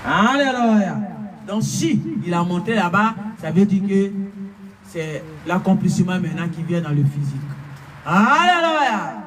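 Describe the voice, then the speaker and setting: A man preaching a spiritual message, speaking slowly and emphatically and repeating hallelujah often. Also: sits high. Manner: slow, emphatic delivery with frequent hallelujahs. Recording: distant mic with faint room noise.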